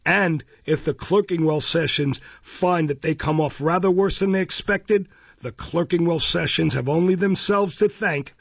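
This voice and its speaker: A man's voice: fairly high pitch, moderate pace, gravelly, husky, no room sound. Man voicing a self-important stately beadle, dry dull recording. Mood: menacing. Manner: pompous, stately. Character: pompous self-important male parish beadle.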